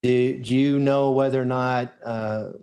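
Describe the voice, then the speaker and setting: A man's voice: mid-range voice, fairly even intonation, measured pace, a little mellow, clean tone. A man working as a lawyer questions a witness in a courtroom, putting formal questions step by step.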